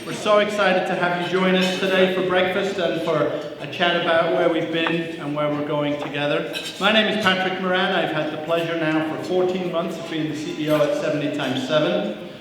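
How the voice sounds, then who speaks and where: A man with a slightly high, steady voice speaks at normal speed as CEO, welcoming people to a breakfast event in a church hall with an audience. On a handheld mic, he is upbeat, makes self-deprecating jokes and uses lots of "uh" fillers. The echoey hall is picked up from a distance, with background noise.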